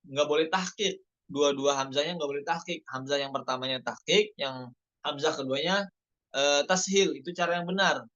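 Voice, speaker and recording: A man teaching Quran recitation rules in an online lesson, explaining each rule and then reciting the examples slowly. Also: a little high, a bit bright, dull audio. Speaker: tajwid teacher.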